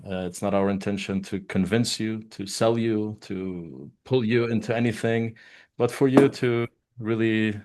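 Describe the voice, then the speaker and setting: A man from Palestine hosting an online Q&A call, speaking softly with frequent pauses and fillers. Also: on the low side. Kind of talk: casual welcome on a video call. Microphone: video call.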